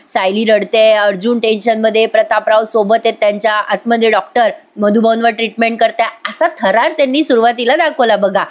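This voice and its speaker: A woman recapping a TV serial episode in a chatty style, talking straight to viewers and adding wry asides. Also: fairly high pitch.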